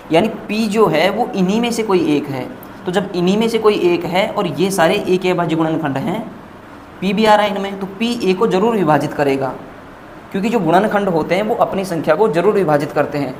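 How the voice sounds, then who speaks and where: A man's voice: sits high, slight background noise. A man teaching a maths lesson at a board, patiently walking through each step, repeating points and checking in with his students.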